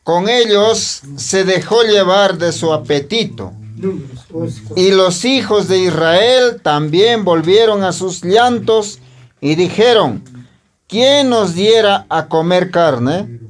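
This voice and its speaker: Dude reading bible verses slow, kinda high voice. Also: male voice, expressive. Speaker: scripture reader.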